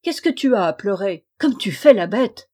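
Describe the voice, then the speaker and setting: A furious, cruel storybook king bellows his threats, as a woman reading the tale puts him on. His voice climbs high and loud with fury. His speech is harsh and bullying. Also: animated, moderate pace, slightly rough.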